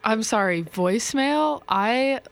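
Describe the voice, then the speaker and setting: A woman's voice: fairly high pitch, animated, takes it slowly, creaky, a little hiss or hum. A nineteen-year-old woman working as a radio intern, chatting casually with a giggly, incredulous manner. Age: teens.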